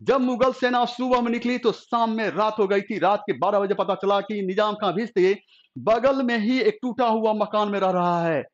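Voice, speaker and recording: A man's voice: high voice, moderate pace, lo-fi sound. Theatrical male history teacher. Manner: emotional, theatrical narration. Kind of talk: dramatic history storytelling lecture.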